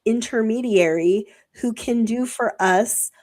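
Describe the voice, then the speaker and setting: Unhurried and fairly high-pitched with a darkish tone, a female livestream co-host who is ill and losing her voice rambles casually about religious ideas, her speech filled with fillers.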